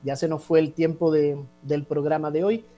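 A man, a priest hosting a religious program, answering listener questions in a measured, teaching way with frequent "eh" and tag questions. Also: on the high side, flat delivery, mellow, soft background music.

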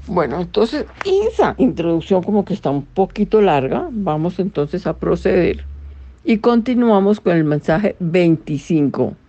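A woman with a lowish, warm, mellow voice gives a religious talk, explaining things conversationally and reading passages aloud to her listeners. The recording is dull and lo-fi, without much high end. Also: sing-song, measured pace. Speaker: religious teacher. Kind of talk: religious talk with read-aloud apparition messages.

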